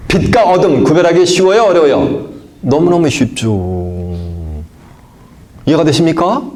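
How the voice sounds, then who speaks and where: A man preaching a sermon. He keeps asking his listeners questions and answers them himself, and he moves between loud emphatic lines and low asides. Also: expressive, a little slow. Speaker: pastor.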